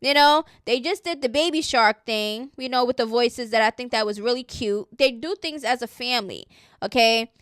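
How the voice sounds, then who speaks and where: Chatty high-voiced New woman. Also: normal speed, a bit bright, clean tone, dry recording, clean studio sound. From New York City. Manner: chatty, opinionated, keeps tagging "okay?". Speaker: gossip commentary host. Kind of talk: casual celebrity gossip commentary.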